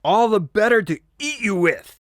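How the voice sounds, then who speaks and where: A man voicing a sly male wolf who fakes a thin, high old woman's voice to coax and trick, read for a classroom storybook recording. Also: sing-song, moderate pace, a bit bright, dry recording, studio quality. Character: sly male wolf faking a frail granny voice.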